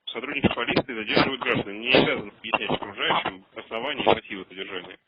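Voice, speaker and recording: A man's voice: fairly low pitch, fast, over a noisy crowd. A man speaking as a police officer on an official phone call, curt and dismissive. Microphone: telephone line. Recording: tinny phone call, radio-like.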